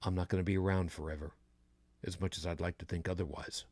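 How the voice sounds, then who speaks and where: A man in his fifties hosts a podcast, chatting casually and rambling, with frequent restarts and fillers. His voice is low, darkish and slightly rough, with a steady tone and quick pace, and there's no echo.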